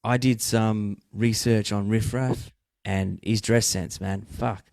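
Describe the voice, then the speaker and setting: A low, gravelly man's voice, dark and mellow, recorded dry and close. He co-hosts a casual interview show, chatty, swearing freely and laughing often. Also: steady tone, slow, dry recording. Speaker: podcast co-host. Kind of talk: casual chat.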